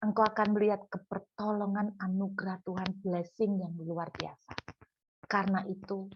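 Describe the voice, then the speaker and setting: A woman pastor, preaching a sermon and acting out an everyday story with lively scolding and pleading. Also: mid-range voice, dull audio, slight background noise.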